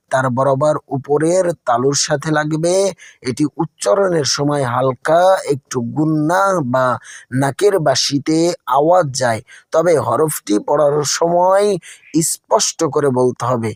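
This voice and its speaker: A man's voice: fairly high pitch, no echo, clean studio sound. A man teaching a Quran lesson, patiently repeating each instruction and addressing his listeners as friends.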